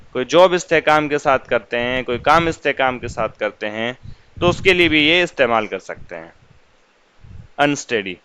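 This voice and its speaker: A man teaching English vocabulary in Urdu, repeating each meaning and saying the example sentences slowly and carefully. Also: a little high, a bit bright, a little hiss or hum, poor audio. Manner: slow, deliberate reading of English examples, repeating glosses. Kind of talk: vocabulary lesson explaining English words in Urdu.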